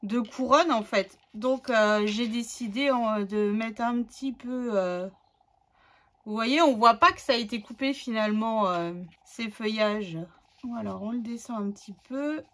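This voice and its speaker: A woman's voice: fairly high pitch, measured pace, fairly bright tone. A woman hosting a scrapbooking tutorial, chatting casually and thinking aloud as she works, with many fillers.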